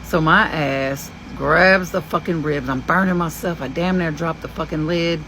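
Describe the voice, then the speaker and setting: A woman in her forties from Kentucky telling a story in a blunt, profane and animated way. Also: low-pitched, normal speed, a little hiss or hum, rough recording. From Kentucky, USA. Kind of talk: casual storytelling.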